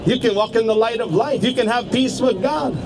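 High-voiced male street preacher. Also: brisk, a crowd in the background. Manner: urgent, repetitive exhortation with hallelujahs. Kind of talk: open-air street preaching. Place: busy city street outdoors. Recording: loud street noise. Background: traffic and street noise.

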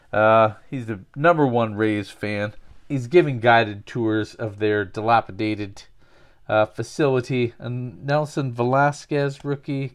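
A man's voice: medium pitch, clean tone. A man hosting a casual card-opening show, joking and rambling as he names each card. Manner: jokey, rambling, trades banter with viewers.

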